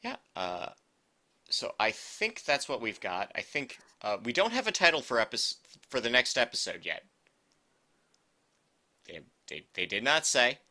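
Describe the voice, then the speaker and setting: A man's voice: mid-range voice, sing-song, unhurried, bright, forceful tone. A man co-hosting a casual podcast, rambling and correcting himself with a wry edge. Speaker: podcast co-host. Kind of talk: casual chat.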